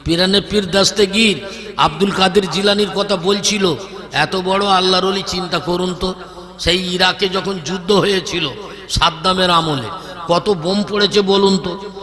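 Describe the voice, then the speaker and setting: A man's voice: sits high, steady tone, moderate pace. A man preaching a sermon into a microphone, in an emphatic, rhythmic style with repeated lists and calls to the audience. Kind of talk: Islamic sermon (waz) to a crowd. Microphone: public address microphone. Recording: long hall reverb with audible crowd. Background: crowd of listeners.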